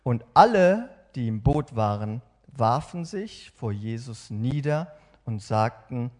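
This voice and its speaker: A young man reading a Bible story aloud with feeling and drama, slowing for effect. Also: mid-range voice, voice pushed down. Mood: dramatic. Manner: expressive, slowed, theatrical.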